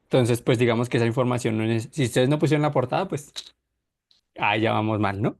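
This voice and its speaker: A man's voice: medium pitch, quick pace, a little mellow. A man teaches a class over a call. He explains in loose, rambling steps, often stopping to correct or rephrase himself. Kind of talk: online class lecture.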